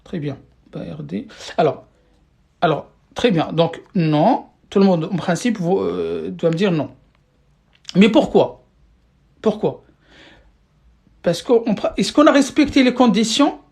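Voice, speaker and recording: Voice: mid-range voice, expressive, slow, gravelly, long pauses, darkish tone, breathy edge. Patient language teacher on a live stream, keeps checking in with questions, talks into a phone or computer mic. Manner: keeps asking the class questions and checking understanding; repeats words while searching for phrasing. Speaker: Arabic teacher. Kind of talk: live online lesson.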